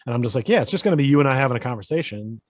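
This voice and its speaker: A man's voice: mid-range voice, lively intonation, very fast, darkish tone, no echo. A man hosting a podcast over a video call, chatting loosely with frequent restarts. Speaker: podcast host. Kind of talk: casual chat.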